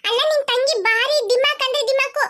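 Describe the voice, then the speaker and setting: A woman's voice: very high voice, steady tone, a little fast. Woman doing chatty bold cartoon girl Achu. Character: lively outspoken young girl. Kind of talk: cartoon voice acting. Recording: loud background music.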